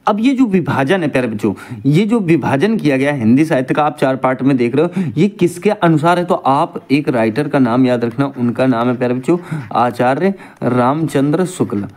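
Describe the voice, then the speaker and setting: A male teacher running an exam-prep grammar class. He repeats each point back as a question to his students and calls them dear children. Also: moderate pace. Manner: lively, pitch swings up and down.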